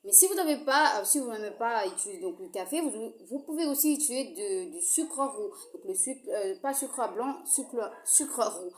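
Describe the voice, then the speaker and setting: A woman's voice: a little high, lively intonation, moderate pace, hardly any pauses. A woman giving a casual skincare how-to, talking straight to her viewers with a hesitant delivery full of fillers, and she apologizes for her own accent. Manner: hesitant, many fillers, addresses viewers directly. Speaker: skincare tutorial host. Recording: echoey room.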